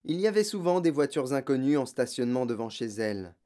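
An audiobook narrator reading a children's novel in an expressive storytelling manner. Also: medium pitch, fairly quick.

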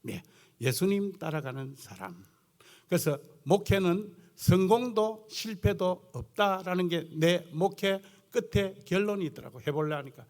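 An older man delivers a sermon in a rough-edged Gyeongsang dialect. His voice sits fairly high and jumps around a lot, animated and folksy. He talks plainly and earthily, like a man who admits he is a bit coarse. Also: unhurried. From South Gyeongsang coast, Korea. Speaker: guest pastor preaching.

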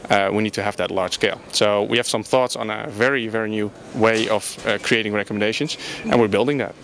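A man's voice: fairly low pitch, fairly even intonation, quick pace, a bit bright. Dutch man, hesitant in a conference hall. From Netherlands. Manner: hesitant, many "uh" fillers and restarts. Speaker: startup founder, interviewee. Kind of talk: conversational interview. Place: large conference hall, indoors. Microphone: handheld interviewer mic.

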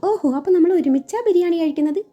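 Woman putting on a sassy naive girl, quick and high, muffled with faint music. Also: lively intonation, mellow. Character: naive, sassy young wife. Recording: slightly dull audio, faint music.

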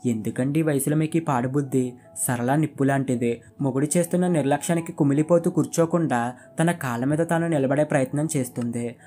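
A man's voice: medium pitch, fairly quick, dark tone, soft background music, close to an everyday voice. A man voicing a humble, outspoken village man who reads the paper aloud; deferential but given to preaching. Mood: indignant. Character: humble village newspaper reader, outspoken and loyal.

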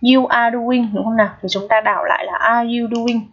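A woman teaches an English grammar lesson, walking through each answer step by step and checking in with her students. Her voice sits a little high with a husky, breathy edge. The recording is dull and lo-fi. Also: steady tone, brisk. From Vietnam. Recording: dull, lo-fi sound.

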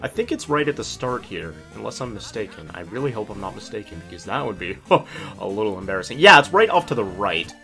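Young male gaming host, animated intonation, informal rambling commentary, light game music underneath. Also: on the low side, fairly quick.

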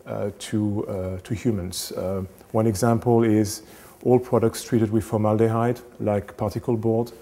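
Low mellow-voiced man giving a lecture. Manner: halting, many fillers and restarts. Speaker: renovation specialist. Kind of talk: casual lecture to camera. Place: small indoor studio set. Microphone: lapel.

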